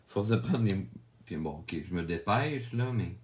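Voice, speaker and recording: A man with a Québécois French accent narrating a drawing tutorial, calmly explaining each step and often checking in with viewers. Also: on the low side, a little slow. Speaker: drawing instructor.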